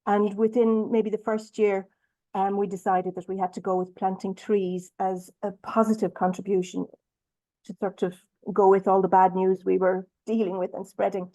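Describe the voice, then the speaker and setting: Mellow-voiced Irish woman on a webinar. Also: mid-range voice, level tone, normal speed, poor audio. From Ireland. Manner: hesitant, many ums and restarts, switches between Irish and English. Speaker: webinar speaker. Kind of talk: bilingual webinar talk.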